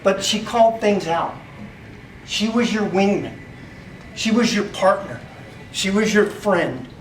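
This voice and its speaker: A man's voice: high voice, a little slow. A man speaking to a crowd in a farewell tribute to a retiring colleague. He laughs often as he tells his stories. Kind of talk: informal speech to a crowd. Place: large indoor room at an office party. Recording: echoey room recorded from far off, faint noise.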